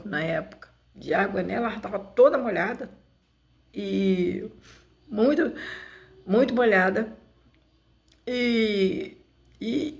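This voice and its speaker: A woman giving emotional personal testimony in a halting, repetitive way, with many restarts. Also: fairly high pitch, creaky. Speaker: interview guest.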